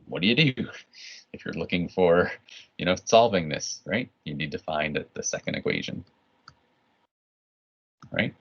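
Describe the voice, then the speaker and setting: A man's voice: sits low, animated, unhurried, creaky, pauses often, a bit bright. A man teaching an online physics lesson in a casual, rambling way, full of restarts and "right?" checks. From Canada. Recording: dull lo-fi recording.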